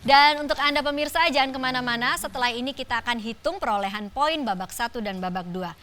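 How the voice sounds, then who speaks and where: A woman's voice: high-pitched, fast. A woman hosting a TV game show, calling out scores and winners as an emphatic prize announcer who draws out results. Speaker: quiz show host. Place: TV studio. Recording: loud noise, clicks.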